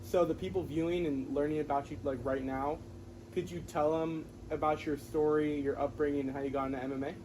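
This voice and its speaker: A man hosting a casual interview, easygoing and chatty, often nodding along with quiet "mm-hmm"s. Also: on the high side, fairly even intonation, brisk, slight background noise, low-quality recording. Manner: easygoing, frequent "mm-hmm" listening sounds. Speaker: interviewer, channel host.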